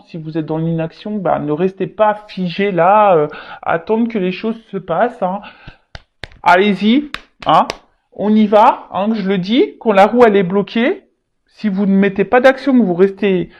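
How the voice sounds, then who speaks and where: A tarot reader speaks directly to the audience in a loose, unscripted reading, stalling often and circling back through repeated words and fillers. The recording sounds a little dull and lo-fi, with the top end muffled. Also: medium pitch.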